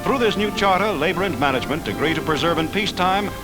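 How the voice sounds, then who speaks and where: A man's voice: sits high, lively intonation, fast. A man narrating an old 1940s wartime newsreel in an urgent, declamatory voice. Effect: old wartime newsreel sound. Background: orchestral music.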